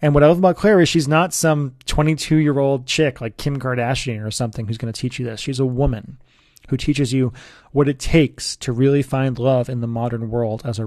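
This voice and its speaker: A man, a relationship coach, giving an earnest, persuasive sales pitch straight to the listener. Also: darkish tone, no echo, studio quality.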